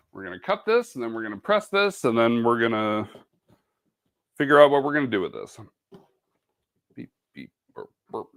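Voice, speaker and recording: Chatty man demoing sewing, lively pitch. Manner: chatty, self-deprecating, hums and makes beep noises while working. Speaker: sewing ambassador. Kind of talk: live-stream sewing demo, casual chat.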